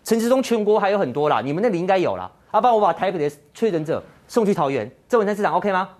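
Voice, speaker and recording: A man hosts a political commentary show in Mandarin with a Taiwanese accent. His delivery is sarcastic and combative, full of mocking rhetorical questions. His pitch swings widely and lively from phrase to phrase. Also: very fast. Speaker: political talk show host.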